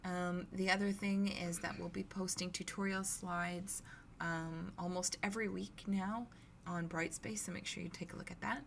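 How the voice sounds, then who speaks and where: Woman, university lecturer, scratchy hoarse voice, gravelly, relaxed conversational explaining, faint background hum. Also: lowish voice, normal speed. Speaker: university instructor. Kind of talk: recorded lecture.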